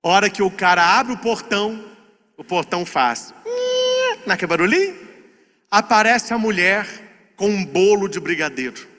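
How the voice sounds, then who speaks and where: A man's voice: sits high, moderate pace. A man preaching a sermon, telling a comic story and acting out the scenes, recorded in an echoey hall. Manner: animated, comic, acts out scenes.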